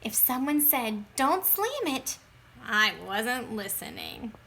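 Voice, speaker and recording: With a fairly high voice and a slow pace, a woman gives an expressive, theatrical reading of a children's picture book. She elongates words for effect and alternates quiet, hushed phrases with lively bursts.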